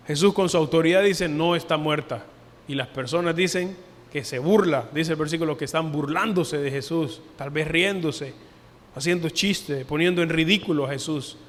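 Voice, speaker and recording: A man preaching a sermon as pastor, earnest, lifting his voice for emphasis and dropping it softly for quoted words. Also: on the high side. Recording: long hall reverb.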